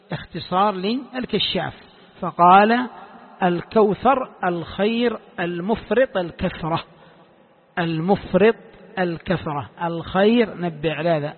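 A man teaching Quran commentary to a class, who repeats key phrases and quizzes his students with questions as he explains. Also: high-pitched. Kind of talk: classroom lecture. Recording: echoey hall, tinny phone-like sound.

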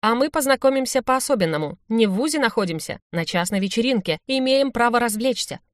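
A cocky young party host , read by a woman, calls out to a crowd with teasing showmanship. His voice sits a bit above her own plain reading pitch. The recording is close and dry. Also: expressive, fast talker, dry recording, lightly acted. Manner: showman-like announcing.

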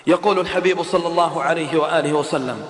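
Male preacher, impassioned sermon, high voice, roomy echo. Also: quick pace. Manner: impassioned, rhetorical questions to the listeners. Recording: echoey hall reverb.

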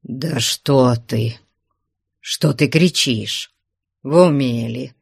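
Casting: a woman playing a nervous man coaxing in low, slow tones, dry close sound. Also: sing-song, no echo, exaggerated voice. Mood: pleading. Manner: hushed, pleading, slow. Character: flustered anxious man, pleading softly.

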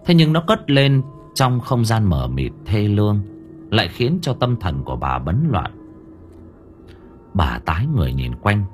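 Expressive, low-voiced male storyteller. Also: unhurried, faint music behind. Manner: expressive, suspenseful. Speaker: audiobook narrator. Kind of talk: dramatic horror story narration.

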